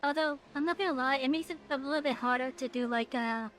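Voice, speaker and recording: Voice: high-pitched, fast, a bit bright. A streamer talking casually through an AI voice changer that makes them sound like a woman, often stumbling over words and restarting sentences. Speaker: game streamer. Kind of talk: casual livestream chat while playing.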